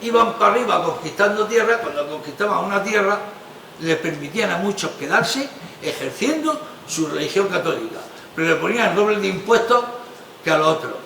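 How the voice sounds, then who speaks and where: Emphatic gravelly high-voiced man. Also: lively intonation, a little fast, pushed and bright, a little hiss or hum. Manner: emphatic, rambling, colloquial. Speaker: playwright presenting his play. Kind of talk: radio interview.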